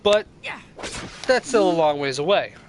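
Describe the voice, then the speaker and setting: A young man with a high, light voice chats loosely over his gameplay. He is irreverent and swears offhandedly. A faint hiss sits under his voice. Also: expressive, unhurried. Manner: chatty, irreverent, swears casually. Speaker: let's play streamer. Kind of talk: casual gameplay commentary.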